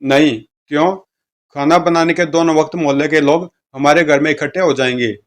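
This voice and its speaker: A man reads comic strips aloud, narrating the story and performing each character's dialogue. He talks a little fast in a steady tone, his voice slightly high.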